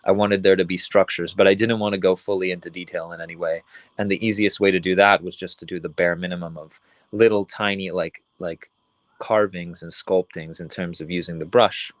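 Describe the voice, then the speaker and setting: A man's voice: low-pitched, steady tone, brisk, dry recording. A young man from Venezuela, an artist talking about his work in a casual interview, rambling with many restarts and fillers. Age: young adult. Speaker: artist guest.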